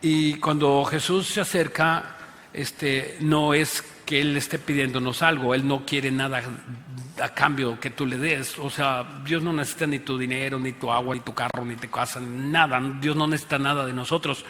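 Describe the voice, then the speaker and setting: Mexican pastor preaching in a reverberant hall. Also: male voice, medium pitch, steady tone, moderate pace, a bit bright, a little hiss or hum. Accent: Mexican Spanish. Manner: conversational preaching, tag questions, emphatic pleas. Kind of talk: sermon. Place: church auditorium.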